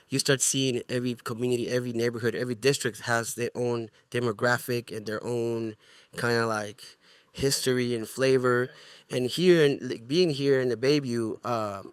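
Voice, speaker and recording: A man's voice: mid-range voice, clear, resonant tone, no room sound, clean studio sound. A middle-aged man from Ecuador with a Spanish accent, a guest in a casual interview, speaking earnestly and searching for his words. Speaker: guest, music producer and artist.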